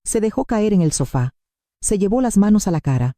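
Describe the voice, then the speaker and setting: A woman narrating a dramatic story in the first person, steady and emphatic. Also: medium pitch, a little fast, no room sound, studio quality.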